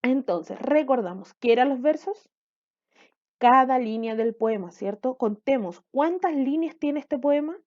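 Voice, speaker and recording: Female school teacher, recorded lesson for kids, higher voice but mellow and warm, lo-fi dull recording, patient step-by-step explaining. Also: animated, measured pace. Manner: explains step by step, often checks in with "¿ya?". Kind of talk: recorded online lesson for children.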